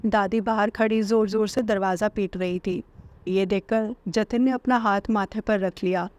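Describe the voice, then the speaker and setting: A woman reading a family story aloud as a storyteller, steady and expressive. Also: medium pitch, normal speed, dry recording. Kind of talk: scripted narration.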